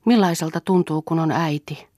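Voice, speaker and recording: A woman reading the part of an earnest, thoughtful young orphan woman in a soft, slightly raised voice. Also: low-pitched, dry recording, studio quality.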